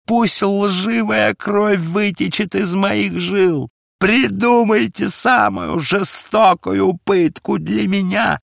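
A man voicing an anguished, guilt-wracked male disciple who screams hoarsely in self-loathing. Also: medium pitch, no echo, clean studio sound, pitched above the performer's own voice, full character voice. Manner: wailing, self-loathing outbursts.

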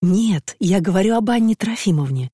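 A woman voicing a polite, formal young gentleman who comes to ask for a bride's hand. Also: mid-range voice, lively intonation, normal speed, breathy edge, no echo, clean studio sound. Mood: courteous. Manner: formal, courteous. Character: polite young gentleman suitor, growing impatient.

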